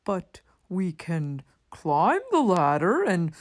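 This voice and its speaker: A woman voicing an excitable, anxious male toad from a children's storybook, with exclaiming, emphatic delivery. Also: on the low side, slow. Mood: doubtful, puzzled.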